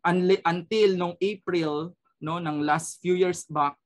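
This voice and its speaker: A man's voice: high-pitched, steady tone, takes it slowly. A man sharing an earnest personal testimony as a radio program guest, switching between Tagalog and English and often adding a questioning "no?".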